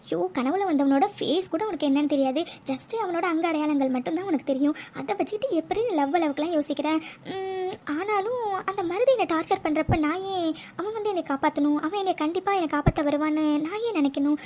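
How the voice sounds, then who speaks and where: A very high, girlish voice for a lovestruck young woman in a homemade cartoon serial, performed by a woman. She frets to herself and stammers when cornered. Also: fast talker, a little mellow, a little hiss or hum. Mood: fretful. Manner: flustered, stammering, talks to herself. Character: young woman dreaming of a mystery lover.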